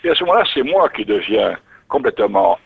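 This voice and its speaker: A man's voice: on the low side, big pitch swings, brisk, creaky, slightly rough, dry recording. A man telling his story as an interview guest, musing and often restarting his phrases. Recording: tinny narrowband radio recording.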